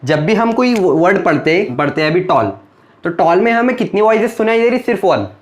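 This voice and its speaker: A man's voice: high voice, very animated, a little fast. Man teaching grammar in quiz-yourself style. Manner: asks questions and answers them himself. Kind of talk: whiteboard grammar lesson.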